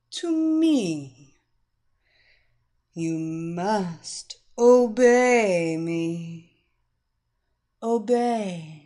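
Woman reading as a seductive hypnotist, very slow droning commands, lilting. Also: fairly high pitch, a little mellow, heavily acted.

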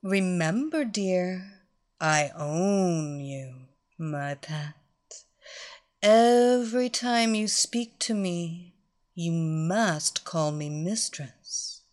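A woman voicing a commanding blonde female hypnotist who gives slow, purring, drawn-out orders. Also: on the low side, expressive.

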